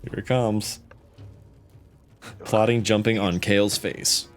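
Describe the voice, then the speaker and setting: A man's voice: on the low side, steady tone, takes it slowly, soft background music. A man playing a co-op game with friends, teasing them and laughing often. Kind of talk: casual gaming chat.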